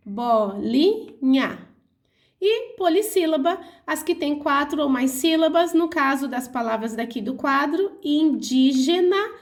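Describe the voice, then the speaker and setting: A young adult woman teacher with a Brazilian Portuguese accent, slowly and clearly explaining workbook answers to her pupils. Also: sits high. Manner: slow, clear, didactic, spelling out syllables. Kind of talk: reading and explaining a school workbook.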